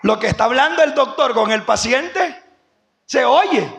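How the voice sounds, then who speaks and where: A male pastor preaching a sermon, telling a story in an animated way, acting out other voices, and sometimes shouting. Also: very high voice, a little slow, gravelly. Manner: animated, shouts at points, acts out quoted voices.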